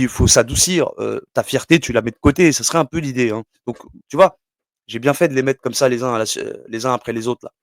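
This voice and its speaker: A man's voice: medium pitch, dry recording. Rambling man explaining, dry close sound. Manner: rambling, many fillers and asides, switches between tu and vous. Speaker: religious numerology teacher. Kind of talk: casual explanatory talk.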